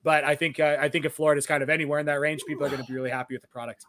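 A man's voice: a little high, flat delivery, very fast, fairly bright tone, dry recording. Rambling man on a sports podcast, dry sound. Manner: rambling, many fillers like "like" and "um". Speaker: podcast co-host.

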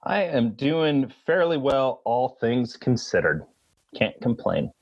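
A man's voice: mid-range voice, sing-song, slow pace, no room sound. A man speaking as an interview guest over a remote internet call, explaining things conversationally. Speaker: podcast guest, nonprofit executive. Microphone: remote video call. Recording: dull lo-fi internet call, dry.

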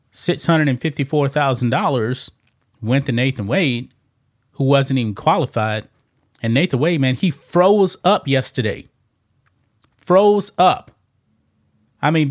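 A man hosting an online commentary show, talking casually and emphatically, often tossing in "man" and repeating his points. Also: mid-range voice. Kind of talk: opinionated political commentary.

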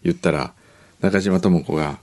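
A man hosting a podcast, chatting casually and telling a story with lively imitated lines. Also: sits low, normal speed. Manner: animated storytelling, slips into mock dialect lines. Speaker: podcast host. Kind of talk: casual chat.

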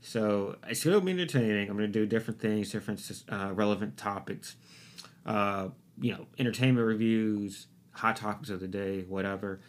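This young man's voice is lowish and moves at a normal speed. Hosting his own podcast, he talks alone into a desktop USB microphone in a casual solo monologue that is loose, rambling, profane and self-mocking.

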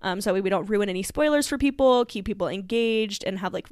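A woman's voice: mid-range voice, fairly quick, darkish tone, clear, resonant tone, no echo, studio quality. A woman co-hosting a podcast in casual chat, talking with lots of fillers and laughs. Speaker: podcast co-host.

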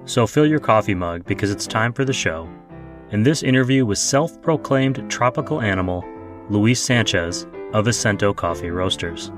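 A man's voice: fairly low pitch, lively intonation, normal speed, music in the background. A man hosting a podcast, introducing his guest and asking friendly, upbeat questions. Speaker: podcast host.

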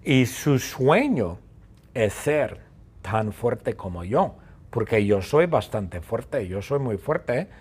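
Un hombre que narra un cuento absurdo de forma juguetona y repetitiva. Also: male voice, medium pitch, slow pace, breathy edge. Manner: playful, repetitive, animated. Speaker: storyteller. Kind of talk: playful story narration.

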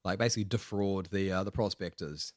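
A man narrating a tabletop game as game master, casually improvising his descriptions in a halting way. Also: sits low, no echo, clean studio sound.

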